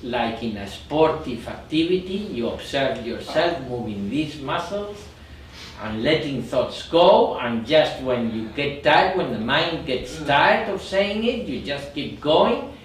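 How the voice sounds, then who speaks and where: Man, meditation teacher, slow and halting, echoey room, distant mic. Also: medium pitch, sing-song, slight background noise. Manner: slow, repetitive, searching for words. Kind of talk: guided meditation instruction.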